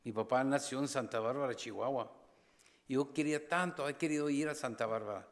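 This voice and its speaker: A male pastor preaches a sermon with a mid-range, brisk voice, passionately climbing to loud appeals and then dropping into hushed asides. He briefly slips into English phrases now and then. The recording carries a long church reverb.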